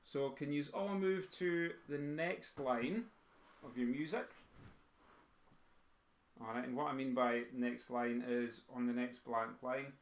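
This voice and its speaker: A mid-range male drum teacher leads a beginners' music theory lesson on writing music for pipe band drummers. He counts beats aloud, sings rhythms in drum syllables, and stops now and then to quiz his students.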